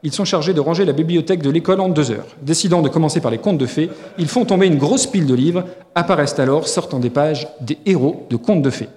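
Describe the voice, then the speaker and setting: A man's voice: a little high, fast talker, darkish tone. A man co-hosting a live podcast on stage, joking and rambling with lots of fillers and restarts. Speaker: podcast co-host. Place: live festival stage before an audience. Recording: echoey hall with long reverb.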